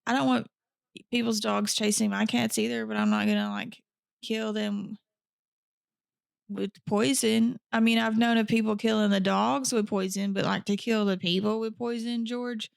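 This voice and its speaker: A woman's voice: on the high side, little pitch movement, moderate pace, gravelly, no echo. A woman podcast host telling a true crime story in a casual, chatty way, with blunt profane asides.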